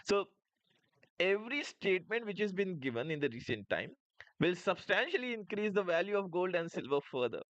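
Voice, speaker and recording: A man's voice: sits high, sing-song, a little fast, fairly bright tone, dry recording, muffled recording. A man hosting a live trading stream, explaining market moves and answering chat questions with frequent filler sounds.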